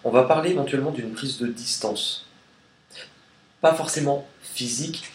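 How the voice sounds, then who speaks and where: A man giving a relaxed, chatty tarot card reading in a casual video. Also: mid-range voice, normal speed. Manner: chatty and relaxed, sings snatches of songs. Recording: echoey room with faint noise.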